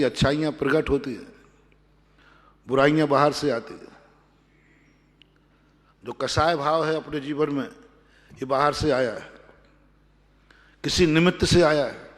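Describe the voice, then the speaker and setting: A male Jain monk delivers a sermon, slowing to repeat key phrases with strong emphasis. His voice sits somewhat high. It carries a long hall reverb. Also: fairly even intonation. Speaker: Jain monk giving a discourse.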